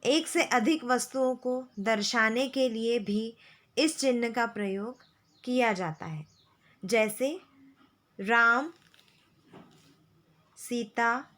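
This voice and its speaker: Woman teaching grammar to children. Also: fairly high pitch. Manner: slow, explanatory, repeats key phrases for children. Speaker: school Hindi teacher. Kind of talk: classroom lesson explaining grammar.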